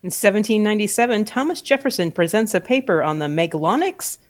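Wry female podcast co-host, lively voice. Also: medium pitch, quick pace, slight background noise. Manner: wry quips after facts. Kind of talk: reading trivia on a podcast.

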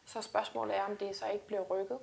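A woman weightlifter, appearing as a guest in a casual interview, talks earnestly and reflectively and often restarts her sentences. Her mid-range voice is flat, creaky and darkish.

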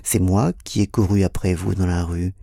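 Defiant young woman in a storybook reading, performed by a man, teasing, gravelly and husky. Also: sits low, fairly even intonation, moderate pace, warm tone, no echo, clean studio sound. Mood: earnest. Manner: mocking, defiant. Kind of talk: audiobook reading.

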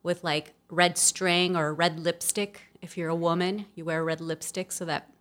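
A woman's voice: fairly low pitch, flat delivery, measured pace, fairly bright tone. A woman co-hosting a casual chat, explaining things and asking follow-up questions. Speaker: podcast co-host.

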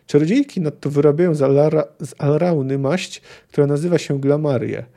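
A man's voice: a little high, a little fast, vocal fry, mellow. A man reading aloud as a merry, tipsy male bard who chats in a bawdy, tale-spinning way. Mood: gossipy.

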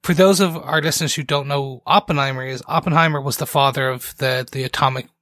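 A man's voice: medium pitch, fairly even intonation, fast talker, sharp tone, no echo. A man co-hosting a podcast, chatting casually about a TV episode in a rambling, enthusiastic way that keeps restarting. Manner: rambling, enthusiastic, self-interrupting. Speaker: podcast co-host. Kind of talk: casual TV recap chat.

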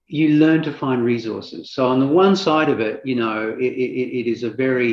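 A man's voice: medium pitch, roomy sound, dull audio. A man in casual chat, reflecting on his own experience and often repeating words while he searches for them.

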